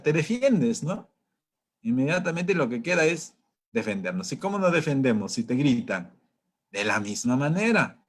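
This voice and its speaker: A man's voice: medium pitch, slightly rough. Spanish-speaking male trainer, conversational. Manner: conversational, asks rhetorical questions, acts out angry drivers. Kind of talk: training talk.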